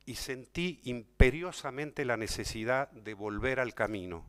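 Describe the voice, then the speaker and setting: A man's voice: medium pitch, a little slow, a bit bright, clean tone. A man with an Argentine accent telling a personal story to an audience, emotional and conversational, often repeating words and turning to his listeners. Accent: Argentine Spanish. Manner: addresses listeners directly. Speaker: speaker at a talk.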